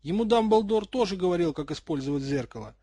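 A man's voice: high voice, animated, brisk, mellow, no room sound, pitched above the performer's own voice. A man doing a sobbing, pleading young man.

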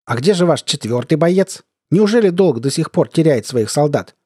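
A man putting on a squeaky, cooing army colonel. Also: expressive, normal speed, dark tone, slightly rough, dry recording, clean studio sound. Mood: mocking. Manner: lisping, squeaky cooing baby-talk; mocking, taunting. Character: mocking, sly middle-aged male army colonel.

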